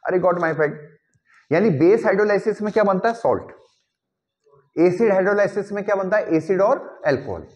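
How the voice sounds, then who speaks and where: A man's voice: high-pitched, animated, fairly quick, muffled recording. A man teaching a chemistry class, who keeps asking the students whether they understand and mixes English phrases into his talk. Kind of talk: classroom lecture.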